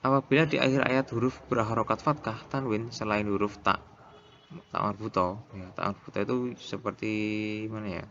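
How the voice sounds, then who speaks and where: Low-voiced male teacher explaining patiently. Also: steady tone, fairly bright tone, muffled recording, slight background noise. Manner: explains step by step, chants Quranic examples slowly. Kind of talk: recorded classroom lesson.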